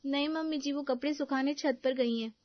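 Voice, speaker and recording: A woman's voice: high-pitched, steady tone, brisk, no room sound, lo-fi sound, voice pushed up, lightly acted. A woman voicing a young daughter-in-law who grumbles about housework in a cartoon story. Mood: complaining. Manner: complaining, chatty.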